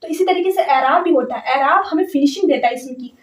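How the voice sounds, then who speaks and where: A woman teaching a grammar lesson step by step, patient, repeating words slowly and often checking that her students follow. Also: high-pitched. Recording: echoey, distant, slightly dull audio.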